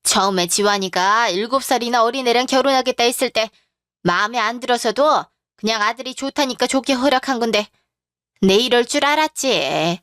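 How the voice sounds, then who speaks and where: A woman voicing a domineering, sharp-tongued older mother-in-law in a radio drama, with a scolding manner. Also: a little high, fairly quick, no room sound, clean studio sound, close to an everyday voice. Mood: contemptuous.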